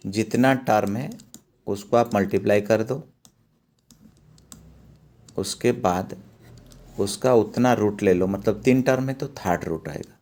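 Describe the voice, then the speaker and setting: Guy teaching math real slow, low mellow voice, keeps asking "got it?", keys clicking behind. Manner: slow, repeats steps and checks in with "है ना". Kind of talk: whiteboard math lesson.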